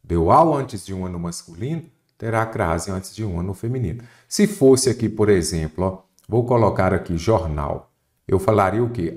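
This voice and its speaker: A man teaching an exam prep lesson online, lively, often asking and then answering his own questions. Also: mid-range voice.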